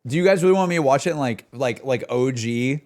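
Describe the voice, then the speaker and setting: A man streams live, speaking fast in a mid-range, slightly mellow voice. His off-the-cuff reactions to chat are casual, slangy and repetitive, packed with "like", "bro" and "dude".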